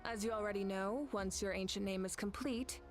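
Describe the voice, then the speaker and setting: An actress voicing a composed, resolute female leader in a video game, talking in a steady, authoritative way. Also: mid-range voice, moderate pace, natural voice. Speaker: game character. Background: game music.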